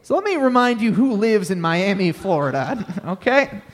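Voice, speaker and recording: A man's voice: high-pitched, sing-song, moderate pace. A man hosting a comedic live talk show, telling a news story with wry, mock-formal asides on a comedy club stage.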